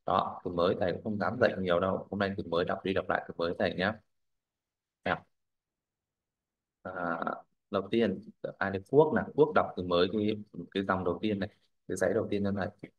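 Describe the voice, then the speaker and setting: A man's voice: sits low, fast, pauses often, breathy edge, highs cut off. A male language teacher, leading a classroom pronunciation drill. He models words, corrects students, and keeps checking that they follow.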